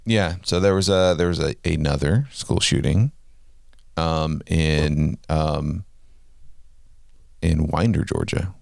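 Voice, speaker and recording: A man's voice: a bass voice, takes it slowly, gravelly, long pauses, no room sound, clean studio sound. A man in his forties co-hosting a parenting podcast in casual chat, hesitant and searching for words. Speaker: podcast co-host.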